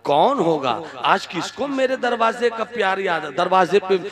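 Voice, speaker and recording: A man preaching who voices a poor, educated woman in a shrill, pleading voice that rises to shouts. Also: lively intonation, takes it slowly, crowd noise. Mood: wondering.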